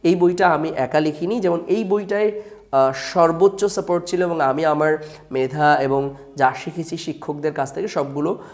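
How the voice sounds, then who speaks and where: A man's voice: a little high, fairly even intonation, normal speed. Earnest Bangladeshi man promoting his book. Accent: Bangladeshi Bengali. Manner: earnest, lists topics with frequent hesitations. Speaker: author presenting his grammar book. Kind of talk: promotional talk to camera.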